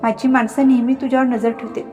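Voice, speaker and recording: A woman's voice: fairly high pitch, level tone, quick pace, darkish tone, close to an everyday voice. A woman voicing a fierce, vengeful young husband who gives menacing commands, with reverb and faint music.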